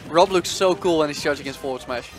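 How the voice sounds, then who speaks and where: High-voiced man calling a fighting game. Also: quick pace, faint music behind. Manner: casual, analytical play-by-play with laughs. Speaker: esports commentator. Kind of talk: live game commentary.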